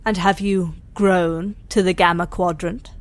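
A woman voicing a cool, politely menacing alien interrogator in a sci-fi audio drama, measured and condescending. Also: fairly low pitch, fairly even intonation, lightly acted. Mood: coolly curious.

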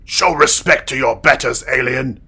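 Female actor, harsh alien enforcer, very low, gravelly, husky, obedient, sci-fi audio drama. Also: expressive, a little slow, full character voice.

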